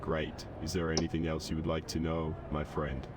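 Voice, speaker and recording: A man's voice: very deep voice, monotone, normal speed. A man voicing a boastful, courteous circus lion tamer in a video game, speaking in a florid, polite, pompous way. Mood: polite, proud. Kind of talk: game character dialogue.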